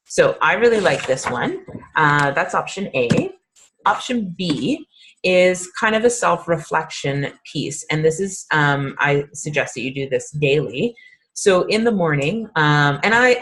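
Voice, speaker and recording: A woman's voice: low voice, fairly bright tone, breathy edge. A woman in her thirties, a fitness coach, leading a casual, upbeat workshop talk with lots of fillers. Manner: chatty, upbeat, filler-heavy.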